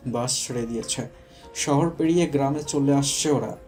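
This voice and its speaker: A man narrating a romantic audio story in a steady storytelling manner. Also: mid-range voice, moderate pace, soft background music.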